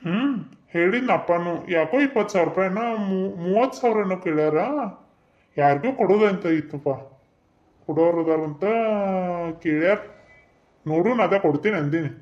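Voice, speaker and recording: A slow, agreeable cartoon village husband with a slightly raised voice and a North Karnataka Kannada accent, as a man acts him out. The audio is dull and lo-fi. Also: high-pitched, lightly acted. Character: easygoing village husband, middle-aged, generous.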